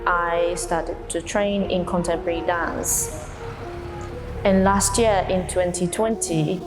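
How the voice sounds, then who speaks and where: A woman's voice: on the low side, in a large hall. A young woman from Japan, a dancer telling her story in a hesitant, reflective way with many fillers. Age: young adult. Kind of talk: reflective interview talk.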